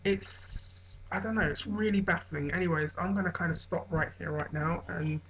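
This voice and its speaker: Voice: medium pitch, fairly even intonation, moderate pace, a bit bright, a little hiss or hum. A hungover person giving unscripted opinion commentary on fights, rambling and correcting themselves as they go. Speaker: online MMA commentator. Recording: dull lo-fi audio.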